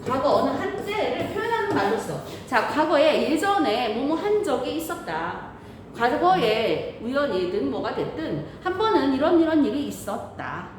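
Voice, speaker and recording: A woman teacher speaks through a face mask in a very echoey room with clear background noise. Her voice moves up and down in a lively way as she explains the lesson, posing questions and answering them herself. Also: high voice, moderate pace. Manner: didactic, often asking and answering her own questions. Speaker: English grammar teacher.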